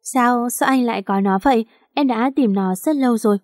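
A woman's voice: a little high, moderate pace, darkish tone, dry recording, clean studio sound, natural voice. A woman voicing a tearful young woman in a romance audiobook, pleading and questioning. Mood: wistful.

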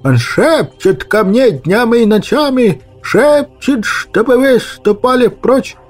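Shrill, crazed old birdkeeper. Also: male voice, expressive, soft background music, heavily acted. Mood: frantic. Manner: shrill, frantic shouting, drawn-out words. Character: manic ranting old male birdkeeper, crazed. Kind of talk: audiobook character voice.

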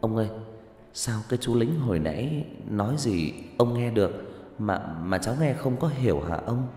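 A man's voice: medium pitch, lively intonation, moderate pace, dark tone, natural voice. A man voicing a curious young boy who begs and wheedles. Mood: eager. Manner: eager, wheedling. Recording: echoey room with faint music.

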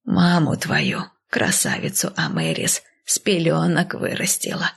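A weary, tender old nanny speaks slowly in a hushed, sighing half-whisper, as a woman reading an audiobook puts her on. The voice sits low and husky, with a gravelly crackle on softer words. This is a storybook character in a fantasy audiobook. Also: sing-song, full character voice.

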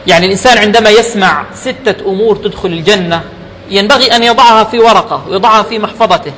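A man's voice: high-pitched, fast talker, a bit bright. A man giving an emphatic Friday sermon in a mosque, mixing formal oratory with colloquial asides. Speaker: preacher. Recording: reverberant mosque hall, faint noise.

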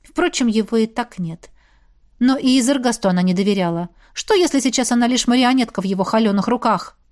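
A woman narrating a fantasy romance audiobook in an even storytelling manner. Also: a little high, brisk.

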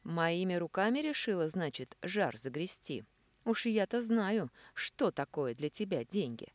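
Storybook role: boozy mocking man, loud and quick to snap, read by a woman, lively pitch. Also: dry recording. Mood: angry. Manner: sneering, loud, quick to anger. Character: brash boozy middle-aged man, mocking, hot-tempered.

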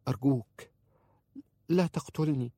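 A man's voice: deep voice, moderate pace, warm tone, no room sound, clean studio sound, close to an everyday voice. A man voicing a frightened young bride. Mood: pleading. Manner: pleading, trembling.

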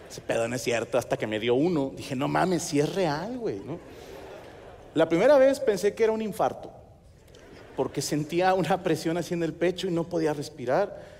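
A Mexican man doing a stand-up comedy set on a theater stage, with crude slang and quick acted-out voices. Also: a little high, darkish tone, big-room sound. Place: large theater stage, live audience.

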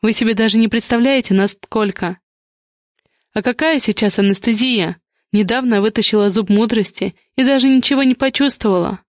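A woman voicing a poised young woman who talks softly and persuasively at a party, in an audiobook. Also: a little high, moderate pace, no echo, studio quality, close to an everyday voice. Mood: gentle. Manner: soft, smooth and persuasive. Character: poised, gentle young woman, charming guest.

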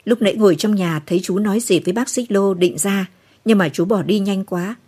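A woman's voice: medium pitch, fairly quick, dark tone, breathy edge, close to an everyday voice. A woman voicing a direct, questioning middle-aged tea seller. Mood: concerned.

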